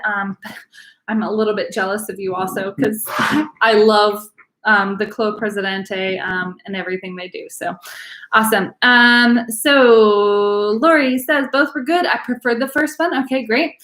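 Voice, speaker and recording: A woman's voice: a little high, normal speed, a bit bright, echoey room, poor audio. Bubbly, chatty woman teaching wine. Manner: bubbly, chatty, many fillers. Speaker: wine class instructor. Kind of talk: live online wine class. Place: home room, live video class.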